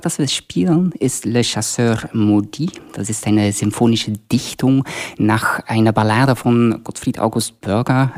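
A man's voice: mid-range voice, darkish tone. A man from Belgium, a concert dramaturge, eagerly explaining an upcoming symphony concert with frequent fillers. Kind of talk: radio promo talk.

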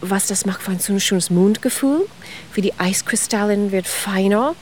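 A woman's voice: mid-range voice, moderate pace, darkish tone, slight background noise. Woman explaining ice cream history. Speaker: ice cream expert guest. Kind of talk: radio interview.

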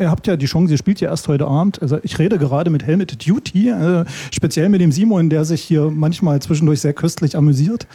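A man's voice: on the high side, dark tone, husky. A man hosting a casual live interview, friendly and a bit hesitant with fillers. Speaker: interviewer, host.

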